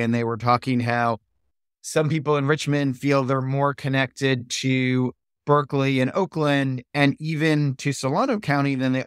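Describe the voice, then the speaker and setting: Male interview host, smooth clear voice, dry close sound, easy conversational questions. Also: medium pitch, no echo. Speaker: podcast host.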